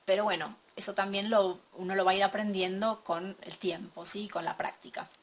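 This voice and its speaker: A woman teaching a recorded lesson from slides, explaining step by step and checking in with a quick question. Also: medium pitch, little pitch movement. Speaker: English teacher.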